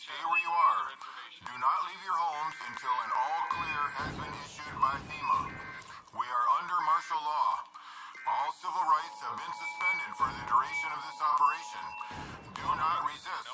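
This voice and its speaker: Guy playing a cop on a bullhorn, stern clipped orders, kinda high voice, loud music behind. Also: normal speed, poor audio. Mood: commanding. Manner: commanding, formal, clipped orders. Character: stern male police officer on a bullhorn. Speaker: police officer announcing martial law.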